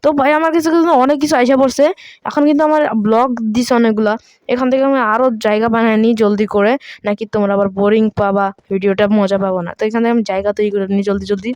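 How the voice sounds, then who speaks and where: A woman hosting live gameplay commentary, excitable and chatty with viewers, often breaking into shrieks. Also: a little high, very fast, clear, resonant tone, dry recording. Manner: excitable, frequent shrieks and exclamations; chatty, talks straight to viewers. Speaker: gaming channel host.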